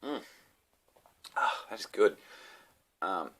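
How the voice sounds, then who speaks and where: Deep-voiced Australian man ranting profanely. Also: expressive, takes it slowly, gravelly, fairly bright tone. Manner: profane, rambling, sardonic asides. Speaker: comedian vlogger. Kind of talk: casual ranting monologue to camera.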